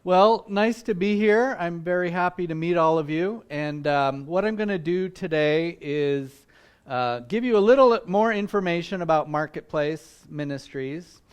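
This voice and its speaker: Smooth-voiced man telling mission stories. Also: a little high, unhurried. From Vietnam and Malaysia. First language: Vietnamese. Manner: friendly storytelling with frequent ums and uhs. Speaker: visiting missions speaker. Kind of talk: conversational church presentation. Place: church meeting room.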